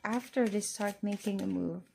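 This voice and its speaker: A woman's voice: mid-range voice, normal speed, creaky, mellow, slight background noise. A woman giving a casual tarot reading, speaking to the listener as a fortune teller. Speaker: tarot card reader.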